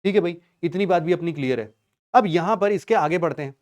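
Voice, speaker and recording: A man's voice: a little high, quick pace, darkish tone. A man teaching a geography lesson in Hindi, casually quizzing his students with rhetorical questions and jokes. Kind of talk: online exam-prep lecture.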